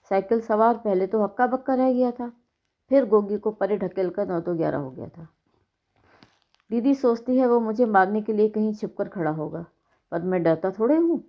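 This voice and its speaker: A woman reads a short story aloud in a calm, even voice. Her first-person narration moves steadily from line to line. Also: medium pitch. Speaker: story reader.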